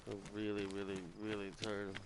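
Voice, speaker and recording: A tired man with a low, gravelly voice rambles through his gameplay and swears casually. Loud crickets and animal sounds from the game fill the background. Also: completely flat delivery, moderate pace, noisy background. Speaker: gamer streaming survival gameplay.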